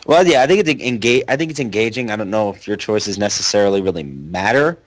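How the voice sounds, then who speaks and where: A man's voice: on the low side, lively intonation, fast talker, a little hiss or hum. A man co-hosting a casual podcast, talking through a video game in a chatty, rambling way. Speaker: podcast co-host.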